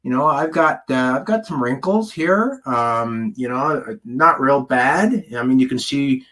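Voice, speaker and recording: A man's voice: mid-range voice, lively intonation, a little slow, fairly bright tone. A man in his fifties, a food scientist giving an informal wellness presentation, rambling and chatty with many fillers, close to the camera mic. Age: 50s.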